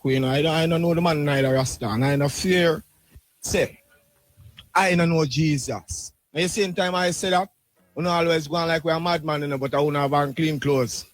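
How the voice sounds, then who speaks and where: A middle-aged or older Jamaican man testifying in Rastafarian speech, with devotional greetings and repeated tags. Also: on the high side.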